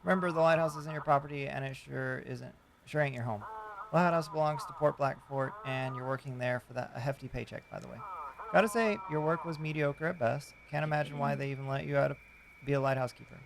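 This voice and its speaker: A man's voice: medium pitch, fast, gravelly, background noise, natural voice. A man voicing a condescending, smug boss in a video game. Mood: smug, scornful. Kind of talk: video game character voice read aloud by streamer.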